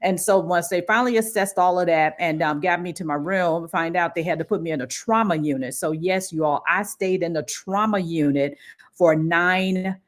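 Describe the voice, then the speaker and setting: A middle-aged woman, a career coach hosting her own livestream, casually tells a personal story and acts out what people said, a lively storyteller. Her voice is fairly low, at a normal speed.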